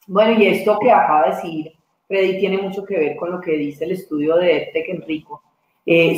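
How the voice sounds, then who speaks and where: A woman's voice: on the low side, darkish tone. A woman moderating a webinar panel, setting up questions at length with hesitant fillers. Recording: very echoey room.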